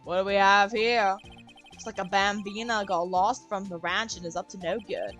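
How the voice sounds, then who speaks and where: A woman's voice: medium pitch, fairly even intonation, very slow, soft background music. A woman voicing a swaggering male detective who talks like a Western sheriff, in a put-on cowboy drawl.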